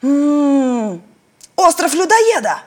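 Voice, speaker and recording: A woman voicing a lively, determined young girl who speaks eagerly in a high voice. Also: drawn-out words, heavily acted.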